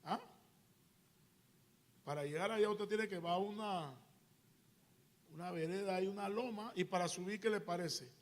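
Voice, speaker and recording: A man with a strikingly high voice preaches to his congregation as their pastor. His delivery swells from steady teaching to loud, urgent exhortation. The setting is a church sermon. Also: moderate pace, pauses often. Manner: preaching with rising, shouted intensity. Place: church sanctuary.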